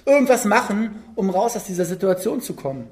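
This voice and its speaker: A preacher voicing an energetic adult male disciple urging everyone to bail water. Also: medium pitch, fairly quick. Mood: urgent. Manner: urgent, pushy.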